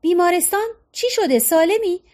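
A worried middle-aged husband from an audiobook, voiced by a woman in a high voice. He fires off alarmed questions. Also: lively intonation, darkish tone.

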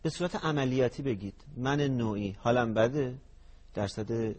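A man's voice: medium pitch, a little mellow. A man hosting an interview, asking hesitant questions and searching for words. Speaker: host.

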